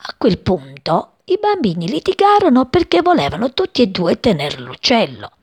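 Woman storyteller, breathy, lively expressive reading for kids. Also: mid-range voice, normal speed. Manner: expressive, addresses children directly.

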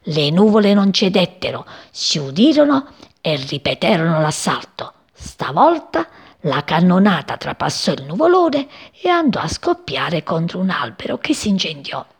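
Woman storybook reader, husky voice, very animated delivery. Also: on the low side, normal speed. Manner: expressive, voicing many characters. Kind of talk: storybook read-aloud.

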